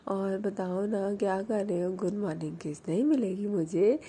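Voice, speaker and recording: A woman's voice: medium pitch, normal speed, warm tone, a little hiss or hum, lightly acted. A woman voicing a sleepy, lovestruck young woman who talks sweetly and pleadingly, as if half asleep. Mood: dreamy.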